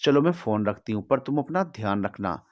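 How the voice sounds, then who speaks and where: A stern, loving middle-aged mother, read by a man with a fairly low voice. She speaks earnestly, pleads, and scolds firmly in a storybook reading. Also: lively intonation, a little fast, a little hiss or hum, natural voice.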